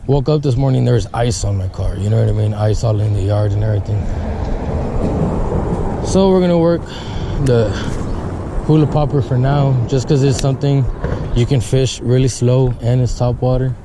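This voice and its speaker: Outdoors by a river, a medium-pitched man talks to camera as a fishing vlogger at a moderate pace, pausing often amid background noise. Laid-back and rambling, he says "guys" a lot and sometimes sounds congested, his sinuses stuffed.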